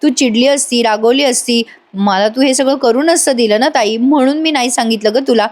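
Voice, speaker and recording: A woman's voice: a little high, normal speed, darkish tone, lightly acted. A woman voicing a spirited, pregnant younger sister who defends herself earnestly.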